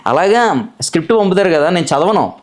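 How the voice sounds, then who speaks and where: A man with a Godavari Telugu accent tells how he built his voice-over career in a casual interview. He talks very quickly, with a chatty, self-assured manner. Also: high voice, very animated. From Godavari region, Andhra Pradesh, India. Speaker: voice-over artist, guest.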